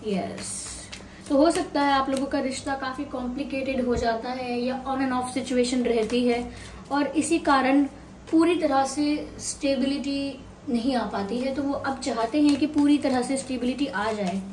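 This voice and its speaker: High-voiced woman reading tarot, roomy. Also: a little mellow. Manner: unhurried, mixing Hindi and English, thinking aloud. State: slightly sore throat. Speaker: tarot reader. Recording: roomy sound, mic at a distance, faint hiss.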